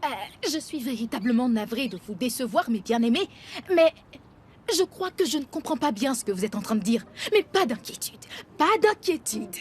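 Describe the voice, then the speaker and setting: An actress playing a fervently pious, effusive church lady in a dubbed comedy-drama, with preachy exclamations and drawn-out devout phrases. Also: on the high side, expressive, breathy edge. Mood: puzzled, soothing. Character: fervently pious, sing-song church woman neighbour, oblivious and effusive.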